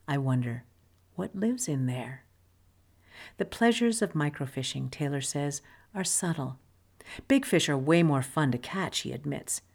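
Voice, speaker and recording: A woman reading a first-person magazine essay aloud, dry and wry, slowing down for the punchlines. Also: low voice. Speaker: narrator. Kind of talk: scripted narration of a magazine essay.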